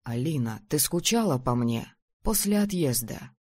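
A reader voicing a tired, tender young man, speaking quietly and slowly in an audiobook, recorded close and dry. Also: medium pitch, animated, slightly rough, no echo. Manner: quiet, slow and heartfelt. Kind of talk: audiobook reading.

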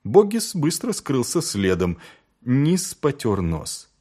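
A man narrating a novel as an audiobook, expressive, giving each character a voice. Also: mid-range voice, takes it slowly, slightly rough. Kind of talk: scripted narration.

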